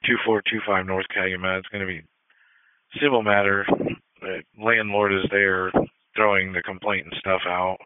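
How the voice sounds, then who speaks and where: A man's voice: sits low, no room sound. A male emergency dispatcher calling units over a two-way radio, terse and clipped, repeating addresses and codes. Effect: two-way radio transmission. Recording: tinny, narrow-band radio scanner audio.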